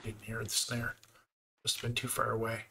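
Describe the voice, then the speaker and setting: A man's voice: mid-range voice, completely flat delivery, normal speed, vocal fry, pushed and bright, slightly rough. A man with a Canadian accent giving easygoing live commentary while he plays a game and thinks aloud. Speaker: game streamer.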